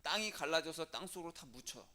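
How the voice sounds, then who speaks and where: Man, pastor, high voice, lively sermon, acts out quotes, questions the congregation. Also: fairly quick. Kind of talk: animated sermon with acted-out quotes.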